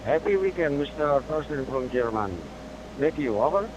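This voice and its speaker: A man's voice: a little high, lively intonation, normal speed. Man over static-laden radio. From Indonesia. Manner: formal, spells out call signs, repeated thanks. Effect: heard over a digital ham radio link with static bursts. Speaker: amateur radio operator. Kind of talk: ham radio contact exchange. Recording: dull lo-fi radio audio with loud static noise.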